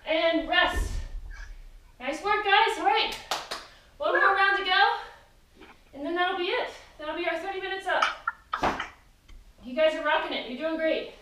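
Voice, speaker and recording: A woman's voice: extremely high pitch, unhurried, long pauses, sharp tone, slight background noise. Upbeat woman coaching a home workout. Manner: upbeat, counting down, cheerful encouragement with laughs. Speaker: fitness instructor. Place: home garage gym, indoors. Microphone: far camera, exercising while talking. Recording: echoey room, voice from a distance.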